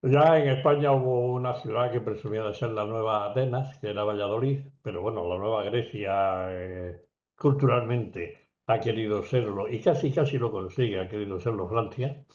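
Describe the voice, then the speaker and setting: A man's voice: lowish voice, moderate pace, a little mellow. A man talking about poetry in an academic conversation, hesitating often with fillers and restarts, now and then singing or reciting an example. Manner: lecturing, sings and recites examples. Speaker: poet in a seminar conversation. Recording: roomy and slightly dull recording.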